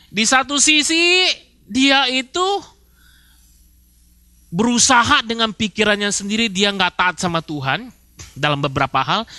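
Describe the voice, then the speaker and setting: A male pastor, preaching in a very bright, high voice. He talks in casual slang and keeps asking the congregation questions. The sound is close and dry. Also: dry recording. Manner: casual Jakarta slang, rhetorical questions, acts out quoted spouses. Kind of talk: sermon.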